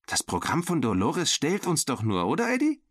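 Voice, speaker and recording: A man voicing a cheerful teenage schoolgirl sailor in an audiobook, in a high, bright girlish voice with an encouraging, laughing manner. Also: huge pitch swings, moderate pace, breathy edge, no room sound, studio quality, full character voice. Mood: upbeat. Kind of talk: audiobook character voice.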